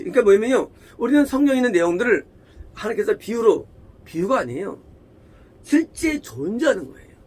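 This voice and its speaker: A man preaching a sermon as pastor, emphatic, repeating phrases and firing rhetorical questions at the congregation. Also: high voice.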